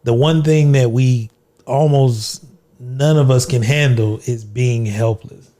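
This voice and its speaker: A man hosting a podcast, asking measured, deliberate questions. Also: mid-range voice, dark tone. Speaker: podcast host. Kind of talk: interview conversation.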